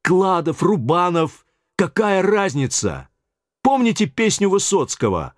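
Brash, mocking mid-thirties brawler, coarse and high-pitched, voiced by a man, dry close sound. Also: big pitch swings, measured pace, no room sound. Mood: bantering. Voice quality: hoarse and coarse when shouting. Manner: cocky, mocking, loud.

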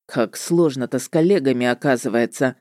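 A woman's voice: very deep voice, a little fast, a little mellow, dry recording, studio quality, voice pushed down. A woman doing a brusque, cocky male witcher. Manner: curt, dismissive, matter-of-fact. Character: brash, cocky male witcher, businesslike and sly.

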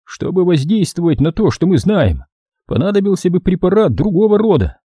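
A calm young doctor in an audiobook, soft and earnest, as a male narrator puts him on with his voice lifted well above his own. The tone stays husky and dark, with a dry, close sound. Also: high voice, moderate pace, no echo, voice pushed up, exaggerated voice. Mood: reassuring.

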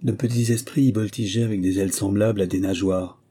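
Male fairy-tale narrator, low, very dark and husky, calm measured delivery. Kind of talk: scripted audiobook narration.

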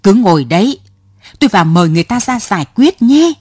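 A man's voice: high-pitched, very animated, measured pace, dry recording, studio quality, full character voice. A woman voicing an elderly male cyclo driver who loses his temper and snaps at a passenger, in a storybook reading. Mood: angry. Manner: exasperated, snapping.

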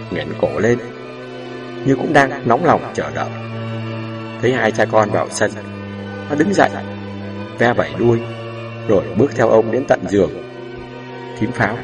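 A man reads a novel aloud in an unhurried, measured audiobook voice. He sounds a little distant from the mic, with music running underneath the whole time. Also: lowish voice. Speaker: narrator. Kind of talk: audiobook narration.

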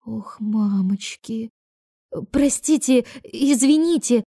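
A woman voicing an elderly aunt, now young-looking, who is indignant and excitable. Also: medium pitch, moderate pace, no echo, clean studio sound, close to an everyday voice. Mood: flustered.

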